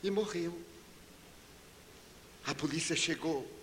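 An older man, a spiritist speaker, giving a sermon-style talk and retelling a story dramatically, with sudden shifts in pitch and loudness. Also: takes it slowly. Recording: reverberant hall, faint hiss.

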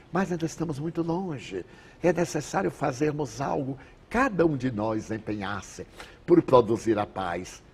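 Low-voiced Brazilian man giving an animated lecture. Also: slightly rough. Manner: expressive, acts out dialogue in anecdotes. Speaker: spiritist speaker. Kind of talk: inspirational lecture with storytelling.

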